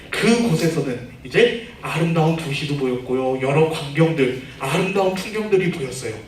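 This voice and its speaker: A man, a junior pastor, giving a children's sermon, asking the children questions and leading them in reading aloud. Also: on the high side. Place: church room. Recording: echoey room, far from the mic, faint noise.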